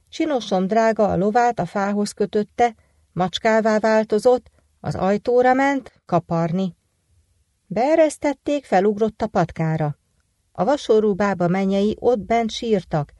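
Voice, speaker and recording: A woman reading a folk tale aloud as the storyteller, in a steady, measured way. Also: medium pitch, no room sound, studio quality.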